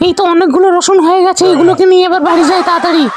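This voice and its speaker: A woman's voice: very high voice, little pitch movement, very fast, background noise. A woman voicing a mischievous, crafty young girl in a comic cartoon, speaking in exclamatory, dramatic fashion. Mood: panicked scheming. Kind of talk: comic cartoon story dialogue.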